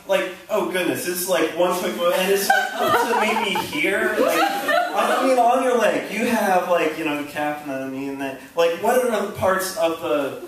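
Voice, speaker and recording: A young man doing a halting, rambling stand-up set, full of ums and self-interruptions, on a small theater stage. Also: on the high side, fairly bright tone, slight background noise. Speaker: stand-up comedian. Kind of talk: open-mic stand-up set. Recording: echoey room recording from a distant camera.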